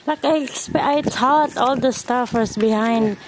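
A woman tells a family story in an animated, casual way while walking outdoors. Her voice sits a bit high, and clear background noise fills the camera audio. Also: a little slow. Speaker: family vlogger, mother. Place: outdoors in a residential street.

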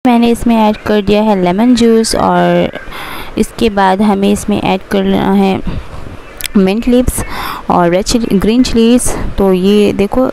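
A woman's voice: medium pitch, steady tone, a little slow, creaky, dark tone, slight background noise. A young woman chatting through her home cooking steps in a casual voice-over, explaining each step as she goes. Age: young adult. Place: home kitchen.

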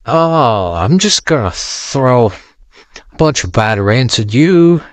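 A man's voice: mid-range voice, sing-song, takes it slowly, no echo. A man voicing Batman, a grumpy and exasperated male caped hero, singing complaints in a comedic sung parody.

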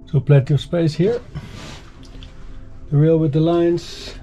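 Aboard a sailing catamaran in a marina, a boat owner gives an informal explanatory tour of the bow compartments and deck, his phrasing somewhat hesitant and pieced together. His voice is on the high side, slow, mellow, and fairly even in intonation. Soft background music plays, and outdoor and engine-like noise comes through clearly.

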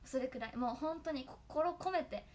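A woman's voice: sits high, moderate pace, darkish tone. Giggly young Japanese-speaking woman chatting. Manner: chatty and giggly, reciting tongue twisters. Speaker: idol trainee talking to fans. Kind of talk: casual solo stream chat.

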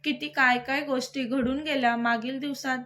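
A young husband, quick to anger but soft at heart, talking earnestly about his wife, as a woman storyteller reads him. The voice sits high and bright in her own register. It is an audiobook-style story reading. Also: fairly even intonation.

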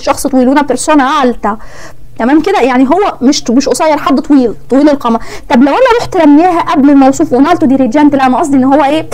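High quick-talking Egyptian woman teacher. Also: a little mellow, poor audio. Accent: Egyptian Arabic. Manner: playful, asks and answers her own questions. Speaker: Italian language teacher. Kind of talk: grammar lesson.

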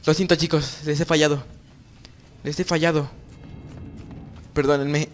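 A young man giving excited gameplay commentary as host of his gaming channel, repeating phrases over and over. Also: on the high side, a little slow, slight background noise.

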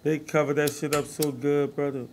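A man's voice: on the high side, little pitch movement, normal speed, a little hiss or hum. A man co-hosting a sports podcast, chiming in with short profane agreements and remarks. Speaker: podcast co-host. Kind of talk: casual sports talk.

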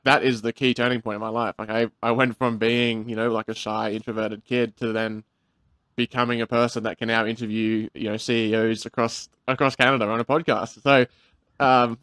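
Young host, dry close sound. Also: male voice, medium pitch, fairly even intonation, normal speed, fairly bright tone, no echo. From Australia. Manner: enthusiastic, uses 'like' often. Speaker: podcast host, interviewer. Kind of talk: casual interview.

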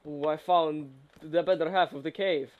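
A man's voice: on the high side, fairly even intonation, normal speed, narrow, tinny audio. A young man chatting casually and teasing his friend while they play a co-op game. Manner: teasing, joking. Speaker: gamer. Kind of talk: casual co-op gameplay chat.

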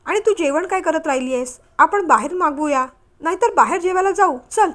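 A woman's voice: high-pitched, lively intonation, normal speed, fairly bright tone. A woman voicing a remorseful divorced husband who talks in an eager, pleading way in a storybook reading.

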